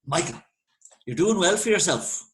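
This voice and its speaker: Nosy Irish village lad, played by a male storyteller; wheedling, pushy, pitched well up and lively. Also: normal speed, slight background noise. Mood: prying. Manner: prying, wheedling.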